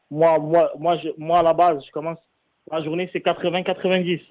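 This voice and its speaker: A man's voice: fairly high pitch, flat delivery, moderate pace. A man with a Marseille accent, a pastry chef on the phone, who stammers, repeats words and sounds incredulous. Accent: Marseille, southern French. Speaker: pastry chef taking a prank call. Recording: muffled phone line.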